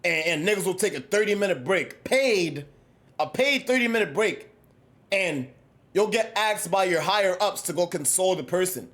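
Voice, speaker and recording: A young man with a high-pitched voice riffs with his live chat in loose, slangy talk. He jumps between loud, excited bursts and low mumbles, and keeps circling back to his point. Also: normal speed. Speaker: livestreamer.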